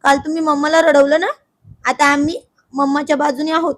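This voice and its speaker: A bold little boy in a family storybook, planting himself in front of his mother and defying his father, as a woman narrator puts him on. The voice is high and light. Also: little pitch movement, a little fast, lightly acted. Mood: defiant. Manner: childishly defiant.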